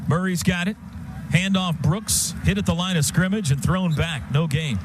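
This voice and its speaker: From a stadium radio booth, a play-by-play announcer calls a football game live, describing each play in clipped, vivid phrases. His voice is high and steady at a moderate pace, and the radio broadcast carries loud stadium sound in the background.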